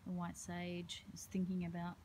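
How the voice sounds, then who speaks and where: A woman's voice: on the low side, monotone, normal speed, dark tone, slight background noise, rough recording. A woman, a herbalist giving a casual tour of her outdoor garden, talking into a handheld phone in a rambling way with frequent ums.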